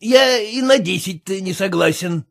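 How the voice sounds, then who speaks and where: A woman reading a story, voicing a stubborn, scornful husband who talks slowly. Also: mid-range voice, lively intonation, gravelly, pitched above the performer's own voice. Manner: slow, scornful.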